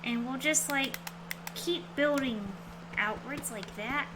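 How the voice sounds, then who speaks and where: A woman's voice: sits high, takes it slowly. A woman streaming a game with casual, rambling, playful commentary in a cute anime-streamer manner. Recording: clearly noisy background.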